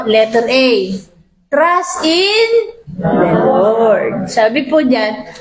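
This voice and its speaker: A woman preacher giving a lively sermon, reading Bible verses and often asking the congregation "di ba?". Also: high voice. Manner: asks the congregation "di ba?" often, animated. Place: church hall. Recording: echoey church hall.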